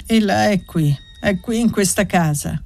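A woman's voice: mid-range voice, a little slow, vocal fry, a little mellow, faint music behind. A woman voicing an angry, jealous young male servant in an audiobook, bitter and insistent.

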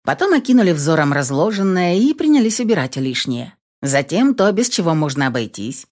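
Expressive woman narrating an audiobook. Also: lowish voice, brisk. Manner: expressive, lively storytelling. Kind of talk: scripted first-person audiobook narration.

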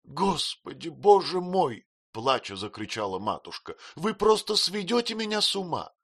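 A man voicing an emotional, tearful young widowed mother, in a high, plaintive, pleading voice. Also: very animated, moderate pace, sharp tone, heavily acted.

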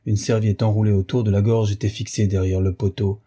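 Male audiobook narrator, grave and measured, low dark husky voice. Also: little pitch movement. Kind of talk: scripted narration.

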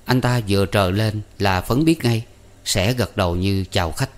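A man narrating a story in a calm, even way. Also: on the low side, normal speed. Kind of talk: audiobook narration.

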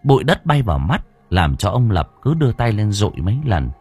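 A man narrating a horror story in a dramatic, expressive way. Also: on the low side, fairly quick, husky, faint music behind. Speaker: audiobook narrator.

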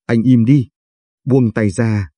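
A man's voice: mid-range voice, fairly even intonation, takes it slowly, no echo. A man reading the lines of a young woman pushing away her abusive ex-partner. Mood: defiant. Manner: sharp and pleading by turns.

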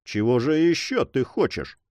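A man's voice: medium pitch, sing-song, darkish tone, no room sound, muffled recording, natural voice. A man reading as an icy pirate chief. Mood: mocking. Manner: icy, mocking and unhurried. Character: cold, ruthless male pirate leader.

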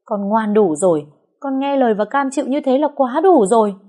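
A woman's voice: on the high side, animated, fairly quick, dark tone, voice pushed up, natural voice. A woman voicing a young woman who pleads tearfully and stands up to her father. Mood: defiant. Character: young woman, desperate and defiant lover.

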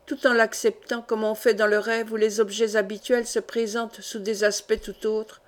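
A woman reading a classic fantasy novel aloud as a measured, even audiobook narration. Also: a little high. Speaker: audiobook reader.

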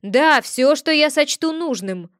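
A woman voicing a calm, commanding male high mage who speaks in a measured way. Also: dry recording, clean studio sound.

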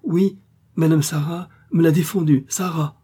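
A man's voice: mid-range voice, moderate pace, mellow, slightly rough, lightly acted. A man voicing a timid, easily frightened innkeeper who pleads in a fluster.

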